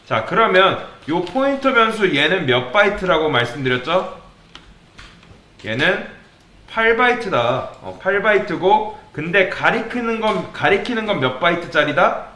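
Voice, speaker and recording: A man's voice: sits high, big pitch swings, unhurried, pushed and bright, echoey room. A man teaching a programming lesson, asking the viewers questions and then answering them himself. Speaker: programming instructor. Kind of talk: coding lecture with questions to viewers.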